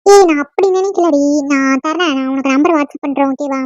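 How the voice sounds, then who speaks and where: Teasing, chatty college girls in an animated series, all voiced by a woman. The voice is pitched very high and squeaky, and the recording is close and completely dry. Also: moderate pace, no room sound, dull audio, natural voice. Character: chatty teenage college girl friends. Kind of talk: cartoon voice acting.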